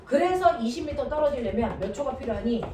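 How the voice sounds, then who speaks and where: A woman's voice: high-pitched, brisk, distant mic. A woman teaching a physics lesson who keeps quizzing her class with constant check-in questions. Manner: lively, quizzes students with constant check-ins. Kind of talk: classroom lecture. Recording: echoey room, voice from afar, noisy.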